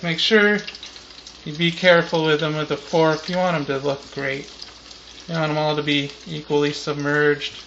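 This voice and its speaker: A man in his thirties chatting casually as host of a home cooking vlog, in a loose, rambling, laid-back stoner manner. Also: bright, forceful tone. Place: home kitchen, indoors. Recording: roomy, muffled camera audio with frying noise. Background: sizzling deep fryer.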